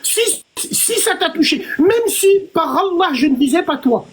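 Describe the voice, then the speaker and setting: A man's voice: very high-pitched, sing-song, normal speed, a little hiss or hum. A man hosting a live debate in casual French suburban street slang peppered with Arabic interjections. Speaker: live stream host.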